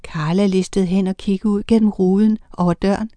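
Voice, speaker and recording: Woman, children's story narration, lively, expressive, dry close sound. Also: medium pitch, no room sound.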